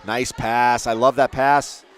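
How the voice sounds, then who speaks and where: A man's voice: medium pitch, level tone, slow pace, background noise. Chatty man calling a school basketball game. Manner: chatty, rambling asides, self-corrections. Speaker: play-by-play commentator. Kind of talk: local sports commentary. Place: press box at a school gym.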